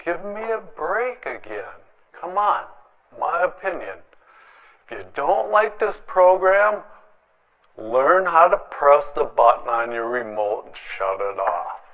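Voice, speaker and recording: A man's voice: fairly high pitch, sing-song, takes it slowly, lo-fi sound. A man hosting an opinionated public access show, speaking bluntly and defiantly and repeating himself for emphasis. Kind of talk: opinionated monologue to camera.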